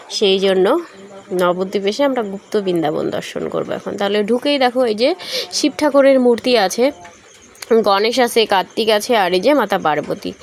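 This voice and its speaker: A young woman from West Bengal narrating a casual travel vlog, talking straight to her viewers with fillers and self-corrections. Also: mid-range voice. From West Bengal, India. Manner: chatty, addresses viewers directly, many fillers and self-corrections. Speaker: vlogger.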